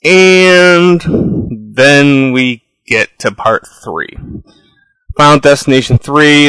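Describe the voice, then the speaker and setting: Slow-talking man rambling through a film review. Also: mid-range voice, fairly bright tone, clear, resonant tone, no room sound, low-quality recording. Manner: rambling, opinionated, filler-heavy. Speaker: movie reviewer. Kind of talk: casual spoken film review.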